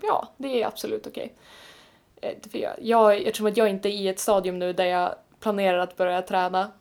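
A woman's voice: medium pitch, creaky, a little mellow. A woman in casual chat, talking openly and acting out her own past thoughts with lots of fillers.

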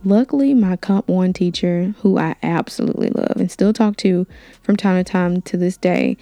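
A young woman tells a personal story on her podcast, candid and animated. Her low voice has a gravelly edge and a mellow tone. The room sounds dry, with faint music underneath. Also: normal speed, dry recording. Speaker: podcast host. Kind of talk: story time.

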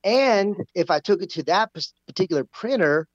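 A man's voice: high voice, expressive, normal speed, no echo. A man calling in by phone, talking in a casual, rambling way with restarts, and sick with the flu. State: has the flu, coughing at times. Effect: heard over a phone line. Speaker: caller. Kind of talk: casual call-in chat. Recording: dull phone-line sound, dry.

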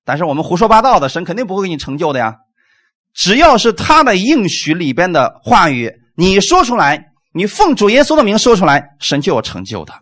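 A man preaching a sermon, animated and full of rhetorical questions, closing his points with "amen". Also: high-pitched, a little fast.

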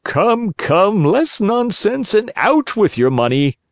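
A man doing a threatening robber in a storybook, gruff and sinister, his threats rising loud and swinging in pitch. The recording is dry. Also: very animated, slow, no echo, full character voice. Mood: menacing. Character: two menacing male robbers, threatening.

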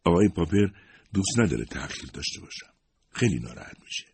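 A man's voice: sits low, sing-song, creaky, a little mellow, slightly rough, no echo, full character voice. A man voicing a humble, worried secretary in her fifties who talks hesitantly and apologetically. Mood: apologetic. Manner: hesitant, modest, self-excusing.

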